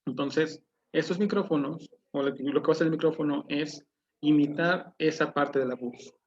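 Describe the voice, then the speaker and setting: A man's voice: a little high, normal speed, darkish tone. Man lecturing over a lo-fi mic. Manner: explanatory, asks the class questions. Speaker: teacher. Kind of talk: online class lecture. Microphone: low-quality computer mic. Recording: dull lo-fi mic audio.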